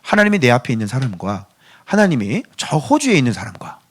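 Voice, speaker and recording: A man's voice: mid-range voice, sing-song, brisk, slightly rough. A male pastor preaching a sermon in a playful, theatrical way, quizzing his congregation.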